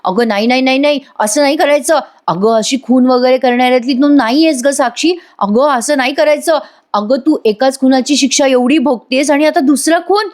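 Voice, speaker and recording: A woman's voice: sits high, a little fast, darkish tone, voice pushed up, close to an everyday voice. A woman voicing a panicked young woman who stammers and pleads in a frantic rush.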